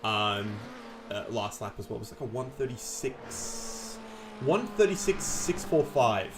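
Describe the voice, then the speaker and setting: A man's voice: medium pitch, very animated, unhurried, noisy background. Teasing male race co-commentator. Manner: teasing, playful banter. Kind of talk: sim racing commentary.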